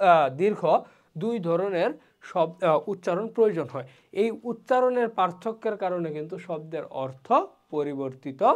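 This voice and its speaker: A teacher giving an online class lecture, explaining step by step and asking and answering their own questions, sounding out vowels slowly as examples. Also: medium pitch.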